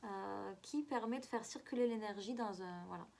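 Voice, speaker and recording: A woman with a regional French accent talks listeners through a spiritual guidance reading. Her voice sits at a middling pitch. She coaxes gently and repeats phrases, often pausing to find the next word. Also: vocal fry. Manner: coaxing and repetitive, often halting to search for words. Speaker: spiritual guide giving a card reading.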